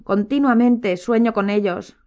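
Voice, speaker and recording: A woman's voice: medium pitch, quick pace, dull audio, natural voice. A woman voicing a distraught middle-aged mother witch, crying and stammering through sobs in an audiobook. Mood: tearful. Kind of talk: audiobook character voice.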